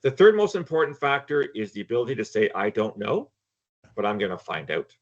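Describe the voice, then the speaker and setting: On a muffled recording, a former intelligence analyst from Canada, an older man, joins a casual panel discussion as a guest. He's animated and fairly quick, with a fairly low voice, talking frankly and with emphasis while repeating words at the start.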